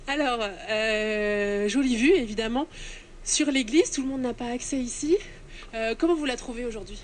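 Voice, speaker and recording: A woman's voice: on the high side, normal speed. A woman doing a chatty, jokey live report and interview from inside a large church, with hallway-like echo. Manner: chatty, jokey, addressing viewers. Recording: noisy echoing church interior, construction din.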